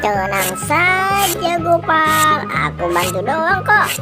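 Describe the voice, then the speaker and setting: A woman voicing a confident, cocky cartoon boy who keeps reassuring his friend, in a high childlike voice. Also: very animated, takes it slowly, heavily acted. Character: cocky helpful boy with a pump. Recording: loud music under voice.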